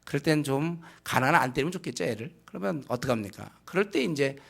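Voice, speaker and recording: Gravelly, emphatic preaching man. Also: medium pitch, lively intonation, fast talker. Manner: emphatic, addresses the congregation with rhetorical questions. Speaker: pastor. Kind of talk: sermon lecture on child-rearing.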